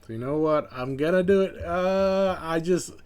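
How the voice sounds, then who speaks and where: A man's voice: on the high side, moderate pace, a little mellow, clear, resonant tone. A man streaming a strategy game live, thinking aloud and second-guessing his choices in a casual way.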